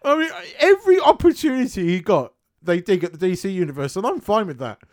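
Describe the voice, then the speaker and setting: A man co-hosting a casual film chat, animated and swearing freely, laughing often. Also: sits high, fast. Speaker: podcast co-host.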